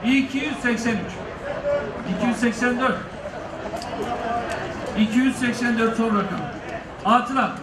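A man's voice: very high-pitched, unhurried, pauses often, over a noisy crowd. A man working as an auctioneer, calling bids at a live auction with repeated figures and last-chance calls. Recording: echoey noisy room, distant mic.

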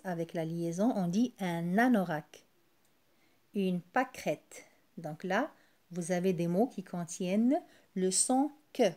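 A woman's voice: mid-range voice, dark tone. A woman teacher giving a recorded reading lesson to young children, patiently sounding out syllables and words one at a time. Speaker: primary school teacher.

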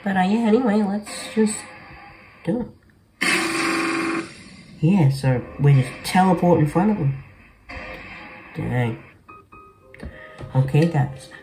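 Speaking slowly with long pauses, this young gaming host has a high voice and lively intonation. He chats casually with viewers in slangy commentary from his small bedroom while music plays. The recording sounds rough.

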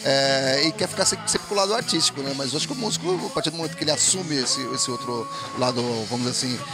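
An animated male music show host interviews a band in a playful, teasing way, breaking into jokey, theatrical outbursts. His voice is mid-range and quick-paced. Band music plays in the rehearsal space behind him.

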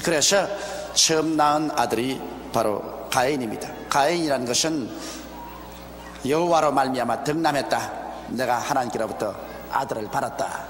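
Older male preacher at a pulpit mic, measured delivery with rhetorical questions, long church reverb. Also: mid-range voice. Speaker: pastor. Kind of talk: expository sermon. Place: large church sanctuary, behind a wooden pulpit. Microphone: pulpit microphone. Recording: roomy, echoey hall with faint ambience, older broadcast video.

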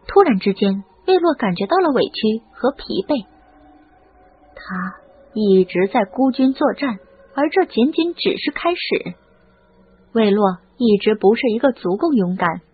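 Narrator: woman with a husky, fairly high voice, expressive storytelling, tinny lo-fi sound. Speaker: audiobook narrator. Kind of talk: scripted novel narration. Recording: lo-fi phone-like audio. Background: faint music.

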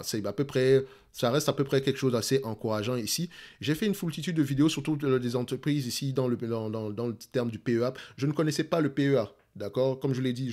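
A man's voice: medium pitch, darkish tone. A man with a Cameroonian French accent talking casually to his viewers, with a slight stutter and many repeated words. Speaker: investing YouTuber.

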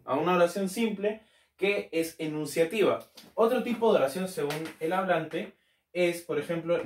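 A man teaching a grammar lesson, checking in with his listeners often and repeating key terms slowly. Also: fairly high pitch, far from the mic. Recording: echoey room, voice off-mic.

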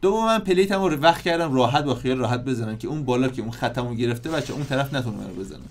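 A man giving casual, excitable commentary over his gameplay, often restarting and repeating himself. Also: mid-range voice. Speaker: gaming YouTuber.

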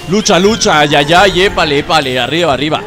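Young Mexican gamer, high and animated, cracks jokes and yells at the game over its music. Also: male voice, brisk. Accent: Mexican Spanish. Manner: joking, excitable, chatters to the game, bursts into shouts. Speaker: gaming video host. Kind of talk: casual let's-play commentary.

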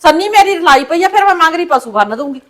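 Very high, bright, scolding Punjabi woman. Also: expressive, fast. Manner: blunt, scolding. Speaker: sister-in-law in a village household. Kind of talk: Punjabi short film acting.

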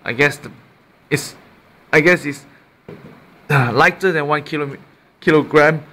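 An amateur product reviewer with a Malaysian accent shows off a gadget at a desk in a small indoor room, speaking unscripted and often repeating and correcting himself. His voice is a little high, a little slow, and pushed and bright, picked up by a handheld camera's built-in mic.

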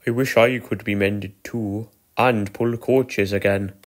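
A proud, lonely old narrow-gauge engine from a storybook, read aloud by a man. He talks earnestly and at length, fond of his old railway and a touch self-important. The voice sits only slightly above the narrator's usual low register. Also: fairly even intonation, slow. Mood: wistful. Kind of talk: storybook character voice.

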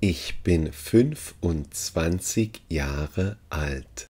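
With a deep, mellow and expressive voice, a male language instructor works through short phrases deliberately, saying each again for learners.

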